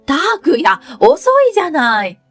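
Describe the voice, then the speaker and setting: A woman voicing a shrill, indignant older mother-in-law in a read-aloud story. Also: very animated, slow, faint music behind, exaggerated voice. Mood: agitated.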